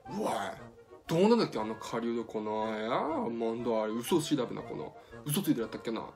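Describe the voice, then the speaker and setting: Vain storybook queen in Tsugaru dialect, gruff and loud in bursts, voiced by a man, music behind. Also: medium pitch, very animated, brisk. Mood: angry. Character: vain, cold-hearted queen, quick-tempered.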